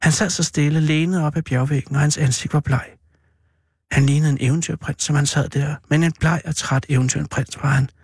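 A man reading a storybook aloud in a slow, mournful narration. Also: fairly high pitch, fairly even intonation, a little mellow, slightly rough, no echo, studio quality.

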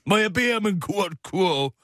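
A man playing a vain, boozy older woman TV host in a comedy sketch, rambling and indignant, with sudden dips into a low mutter. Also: animated, a bit bright, no room sound, clean studio sound. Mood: petulant. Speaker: radio show regular.

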